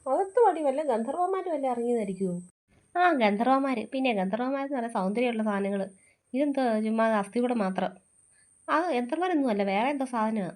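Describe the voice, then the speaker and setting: Woman playing a doting gossipy grandmother, cartoon, chattering, fast, high. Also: lively intonation, a little mellow, natural voice. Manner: chatty, fussing.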